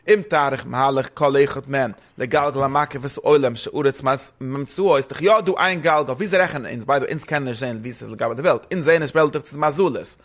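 A man's voice: medium pitch, fairly bright tone. A man explaining a religious text in casual study talk, rambling and slipping between languages. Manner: rambling, fast, mixes German with Hebrew and English terms.

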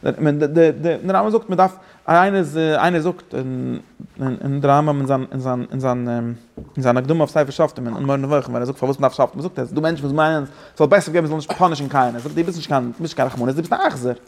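A man leads an informal religious class in a slightly high voice with a gravelly edge. He talks quickly, stops and restarts often, repeats words, and slips English phrases into his explanations. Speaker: teacher giving a religious class. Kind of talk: informal lecture to students.

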